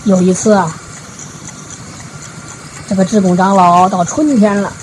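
A woman giving a Buddhist dharma talk, retelling a parable in a folksy storytelling way, with frequent drawn-out filler particles. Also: mid-range voice, steady tone, a little mellow, slight background noise, poor audio. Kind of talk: storytelling sermon.

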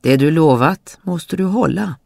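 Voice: mid-range voice, lively intonation, gravelly, darkish tone, dry recording, studio quality. A reader voicing a firm, fatherly old king in a fairy tale reading. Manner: firm, commanding. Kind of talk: storybook reading.

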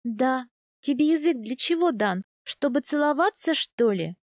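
Woman doing a teasing young noble wife, high and lilty, dry sound. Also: lively intonation, unhurried, dry recording. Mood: playful.

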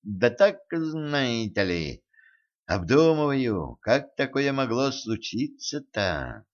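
A man voicing a calm, tactful male doctor who speaks in a slow, measured, hesitant way, in a dull lo-fi recording. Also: mid-range voice. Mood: soothing, pondering.

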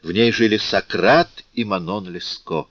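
A man's voice: fairly low pitch, a little slow, a bit bright, dry recording. A man voicing an eloquent young Parisian who holds forth in a florid, declamatory way, in an audiobook reading. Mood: rhapsodic. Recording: dull dry lo-fi recording.

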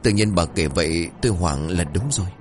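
A man's voice: low-pitched, animated, a little fast, slight background noise. A man doing a shaken older husband. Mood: uneasy. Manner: hushed, hesitant.

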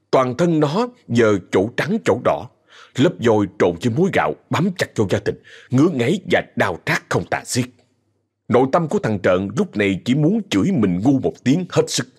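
A man's voice: mid-range voice, sing-song, moderate pace, darkish tone, breathy edge. A man telling a ghost story in a dramatic way.

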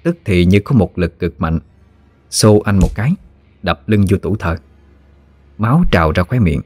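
A man with a Southern Vietnamese accent narrating a scripted horror story in a steady, measured way. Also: low voice, no echo, faint music behind.

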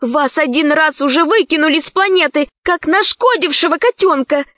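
A woman's voice: high voice, normal speed, pushed and bright, dry recording, pitched above the performer's own voice. A woman voicing a brave, self-assured young girl who answers villains firmly and defiantly. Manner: defiant, firm and cool. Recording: dry, dull lo-fi recording.

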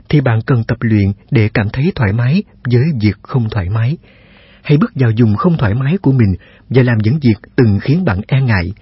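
A man reads a self-help text aloud, his voice very husky and breathy, steady and measured, putting rhetorical questions to the listener. The sound is dry and close, and a little dull and lo-fi. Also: mid-range voice, no echo. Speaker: narrator. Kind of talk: scripted self-help narration.

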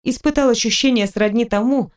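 A woman narrating an audiobook in an even, expressive reading voice. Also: a little high, brisk. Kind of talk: scripted narration.

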